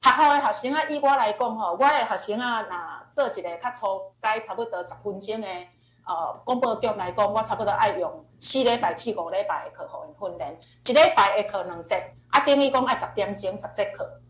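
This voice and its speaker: Animated and brisk, this woman's mid-range, slightly bright voice carries a Taiwanese accent as she teaches an informal online Q&A class. She explains points and repeats key phrases, with echoey audio from the video session.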